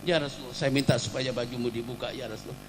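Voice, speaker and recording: Ukasyah, a preacher's loud pleading companion. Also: male voice, mid-range voice, fairly even intonation, very fast, noisy background, lightly acted. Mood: insistent. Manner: loud, insistent pleading, turning tearful. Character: Ukasyah, earnest grieving male companion.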